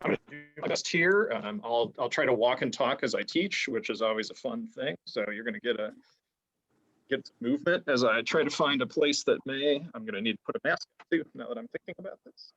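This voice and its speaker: A man's voice: medium pitch, lively intonation, a little fast, a bit bright, husky, lo-fi sound. A man teaching an adult education class over a video call from a church, his audio volume uneven and often dropping out. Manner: stumbling restarts, easygoing. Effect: audio volume uneven, keeps dropping out. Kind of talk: online church history lecture. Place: inside a church.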